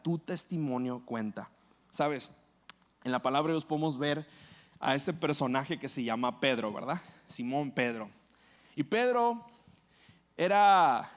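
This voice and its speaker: High-voiced pastor preaching. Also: male voice. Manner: storytelling, acting out quoted lines. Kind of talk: sermon.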